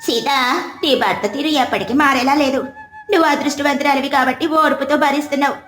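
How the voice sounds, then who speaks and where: A woman's voice: high voice, fairly even intonation, a little fast. A woman voicing an outspoken village neighbor woman who talks bluntly and teases. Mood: blunt teasing. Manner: direct, teasing. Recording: roomy with soft background music.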